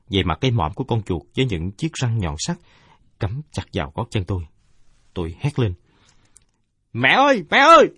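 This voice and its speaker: A man narrating a first-person story in a steady, measured way. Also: fairly low pitch, slightly rough, no room sound, studio quality.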